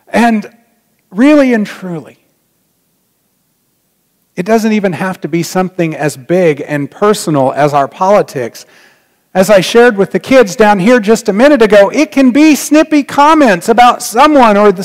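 A middle-aged man preaching a sermon from a church pulpit, earnest and reflective, dropping to a near-whisper on key points. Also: sits high. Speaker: pastor. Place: large church sanctuary. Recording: long reverb of a church hall.

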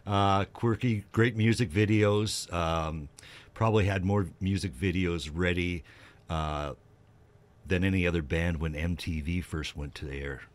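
Speaking in a low, slightly slow voice, a man co-hosts a radio show about music. He chats casually and explains things informally, with some hesitation.

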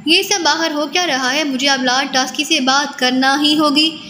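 A woman reading a panicked male lab chief who barks commands in a high, bright voice. The audiobook carries a long reverb tail. Faint noise sits underneath. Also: fairly even intonation. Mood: alarmed. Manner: shouting, urgent commands. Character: agitated male scientist in charge, barking orders.

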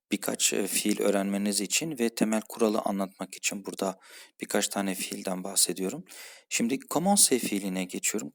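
A man with a fairly low voice works through French verb endings one by one. He speaks patiently and repeats each form with its meaning, as a teacher does for his students. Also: creaky. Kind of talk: explaining French grammar for a Turkish-speaking class.

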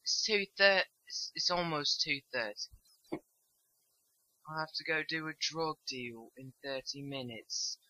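In a dry, poor-quality recording, a fairly high, unhurried voice sounds bright and forceful. The young man is tired and stoned, meandering through casual let's-play commentary with free swearing and lost trains of thought.

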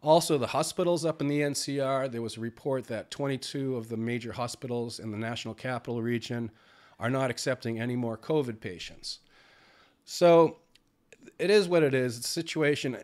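A man's voice: medium pitch, brisk. A middle-aged man, sounding congested from a cold, talking in a rambling, conversational vlog style with plenty of filler words. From United States. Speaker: vlogger. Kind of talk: casual vlog chat.

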